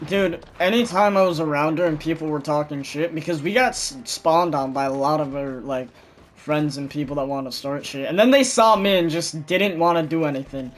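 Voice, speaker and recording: A young man telling stories in a casual gaming voice chat, animated and swearing freely, loudly mimicking other people. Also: on the high side, moderate pace. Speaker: gamer chatting with friends.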